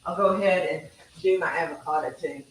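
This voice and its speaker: Here a Texan home cooking host talks briskly in a lowish voice, with a little noise in the background. Her casual live chat is full of teasing and frequent laughter, echoing around a roomy kitchen.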